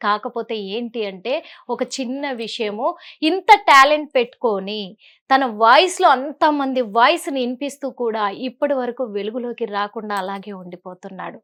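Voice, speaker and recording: A woman's voice: a little high, fairly bright tone. A woman hosting a TV studio interview, who introduces her guest and then echoes his answers back to him with frequent laughter. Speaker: TV interview host.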